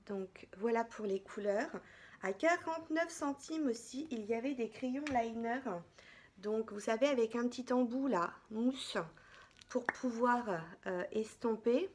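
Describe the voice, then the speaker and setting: A woman's voice: on the high side, unhurried, a little hiss or hum. A woman beauty vlogger chatting casually through a product haul, chatty and hesitant, with many fillers.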